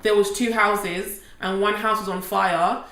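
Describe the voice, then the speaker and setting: A woman with a bright, forceful voice, speaking emphatically in a group chat. Her pitch is mid-range. There is noticeable room echo around her. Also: fairly even intonation, a little slow. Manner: emphatic, backs others up. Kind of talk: casual discussion. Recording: roomy echo.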